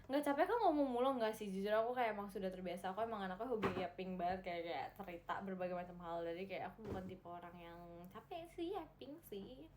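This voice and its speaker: A woman's voice: medium pitch, lively intonation, fast talker, background noise. A young woman chatting casually on a livestream, reading viewer comments, giggling and repeating herself. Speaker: livestream host reading chat.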